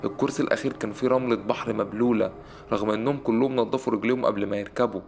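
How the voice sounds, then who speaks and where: A man with an Egyptian Arabic accent narrating a scripted horror story in a suspenseful way, with dramatic pauses. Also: on the low side, steady tone, creaky, darkish tone, a little hiss or hum.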